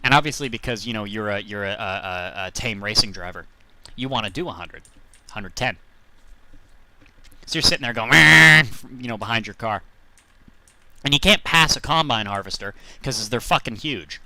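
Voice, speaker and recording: With a fairly low, sharp-toned voice at normal speed, a man plays a driving game on stream and rambles through jokey, self-deprecating stories for his audience, leaving long pauses. The casual gameplay commentary has no echo.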